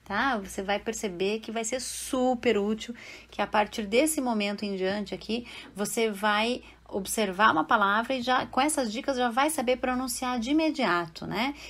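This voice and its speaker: Woman, French teacher, high voice, patient explanations, frequent check-ins, slows on examples. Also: fairly bright tone. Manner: slows down to model French words. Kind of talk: pronunciation lesson.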